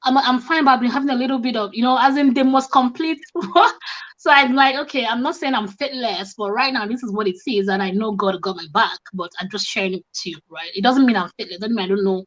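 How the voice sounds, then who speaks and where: A woman's voice: fairly high pitch, quick pace, a bit bright, lo-fi sound. A young woman from Africa, a coach, telling stories animatedly in casual conversation and acting out both sides of the exchanges. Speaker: guest coach.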